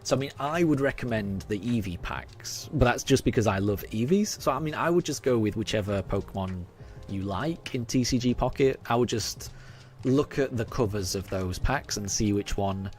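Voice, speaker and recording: An expressive man in his forties from Yorkshire, England, speaks in a mid-range, darkish voice at a moderate pace, his Yorkshire accent faded. As a game streamer, he talks hesitantly to his live chat while playing, with many ums and restarts, and game music in the background.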